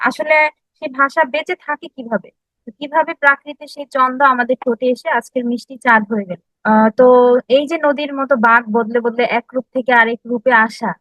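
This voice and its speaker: A woman giving a classroom lecture, explaining step by step, asking her listeners questions and pausing often with filler sounds. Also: high-pitched, a bit bright, no echo, poor audio. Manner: explanatory, frequent filler sounds and restarts, asks the audience questions. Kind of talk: classroom lecture on language history.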